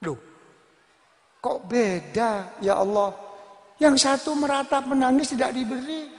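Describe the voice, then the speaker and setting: A man with a Javanese accent preaching a sermon in a drawn-out, emphatic way, repeating words and asking the audience questions. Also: very high voice. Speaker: Islamic preacher. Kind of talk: sermon to a congregation. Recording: long reverb of a large hall.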